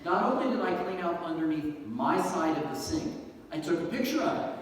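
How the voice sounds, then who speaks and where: A man's voice: fairly high pitch, lively intonation, a little fast, very noisy. A man giving an earnest banquet speech with folksy humor as a guest speaker from a law-enforcement agency. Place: banquet hall. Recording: echoey hall from a distance.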